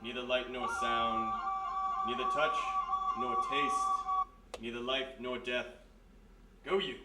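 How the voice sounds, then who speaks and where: Performing live in a roomy historic house, a man plays a grandiose, florid stage magician of the occult in the solemn style of old-time radio mysteries. His medium-pitched voice moves slowly and is lightly acted, with a grandiose, mysterious mood, over loud music. The stage sound is echoey, picked up by a distant mic with hiss.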